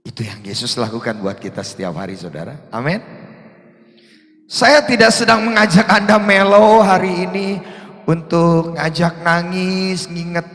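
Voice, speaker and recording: Gravelly preacher in a big echoing hall. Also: male voice, high voice, fairly even intonation, a little slow. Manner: swings between loud emphatic calls and soft near-whispered asides. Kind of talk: sermon. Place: large church hall. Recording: church hall with long reverb.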